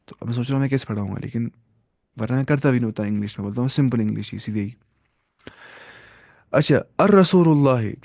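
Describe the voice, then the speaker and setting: A man teaches a grammar lesson at a mid-range pitch. He drills short phrases slowly, repeats them and asks the listener to answer. The recording is close and dry, with no room sound. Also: a little mellow, no echo. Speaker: Arabic teacher. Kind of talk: grammar lesson, mixing Urdu, Arabic and English.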